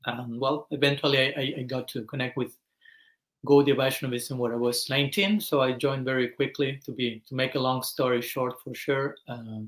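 A man's voice: medium pitch, fairly bright tone. Thoughtful Argentine man in his forties. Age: 40s. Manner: thoughtful, explanatory, searching for words. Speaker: guest monk. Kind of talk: reflective podcast interview. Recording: echoey room.

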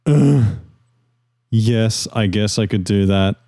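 A man's voice: fairly low pitch, slow, mellow. A man putting on the voice of a sarcastic, bored male household robot, speaking in a grudging, sulky drawl during a casual chat.

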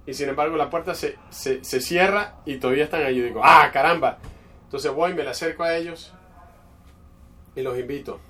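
A man's voice: a little high, fairly quick. Distant-miked male preacher. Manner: conversational storytelling with frequent restarts. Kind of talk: sermon with personal story. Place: church. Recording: distant mic with faint background noise.

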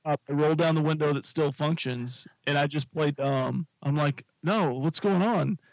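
A man's voice: fairly high pitch, little pitch movement, normal speed, dry recording, highs cut off. A man casually telling a long, rambling anecdote on a talk show, full of fillers and asides. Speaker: podcast co-host telling a story. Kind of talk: casual storytelling chat.

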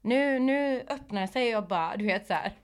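A woman with a Gothenburg accent co-hosting a podcast, telling animated stories in casual chat and laughing often. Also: a little high, clean tone. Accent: Gothenburg Swedish. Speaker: podcast co-host.

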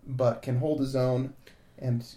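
A man's voice: mid-range voice, little pitch movement, dark tone, echoey room. A man co-hosting a casual podcast chat, tossing in joking asides. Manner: joking, quick pop-culture asides. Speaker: podcast co-host.

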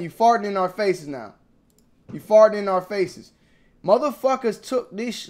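A young man vlogging about sneakers in slangy, repetitive casual talk that swings between mumbling and loud outbursts. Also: high voice. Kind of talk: casual ranting commentary.

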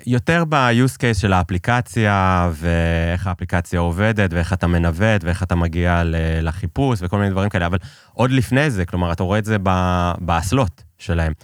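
A low-voiced Israeli man, born in Iran and later immigrating to Israel, is a business executive guesting on a podcast, telling stories conversationally in an interview. He searches hesitantly for words, dropping in English business terms, and the studio recording is clean with no echo.

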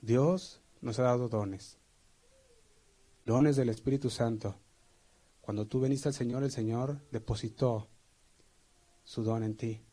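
A pastor preaching earnestly, checking in with the congregation. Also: male voice, medium pitch, fairly even intonation, slow pace, pauses often, mellow. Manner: earnest, asks the congregation for assent. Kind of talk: sermon.

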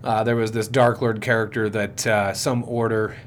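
A man's voice: lowish voice, flat delivery, normal speed. Male podcast co-host, casual and profane, faint hiss. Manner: rambling, profane, lots of fillers. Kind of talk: casual movie review chat.

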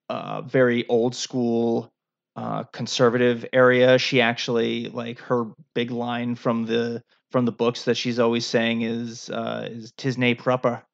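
A man with a gravelly, fry-laced voice co-hosts a podcast in a loose, rambling chat. He keeps circling back with fillers and restarts. The recording sounds muffled and lo-fi. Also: medium pitch. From United States. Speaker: podcast co-host. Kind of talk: casual chat. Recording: dull lo-fi sound.

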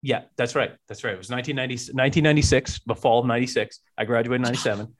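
A man's voice: mid-range voice, rapid-fire. A man in his forties hosting a casual interview, agreeable and encouraging, feeling his way through his phrasing. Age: 40s. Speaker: interviewer, host.

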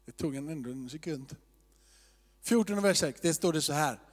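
A man preaches a sermon, his voice pitched a little high for a man. He wanders between muttered asides and swelling, repeated declarations. The sound carries a long church-hall reverb. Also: expressive. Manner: loose and searching, with shifts between quiet asides and rising emphatic repetition. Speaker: pastor.

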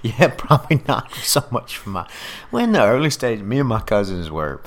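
A man's voice: mid-range voice, big pitch swings, normal speed. A man telling blunt, joking stories in a casual podcast chat. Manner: easygoing, blunt storytelling with jokes. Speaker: podcast guest, former drug addict.

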